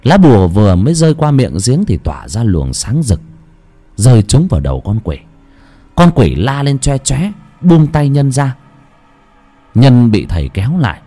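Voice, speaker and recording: Male horror storyteller with a low, mellow voice and a very animated delivery. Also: moderate pace, soft background music.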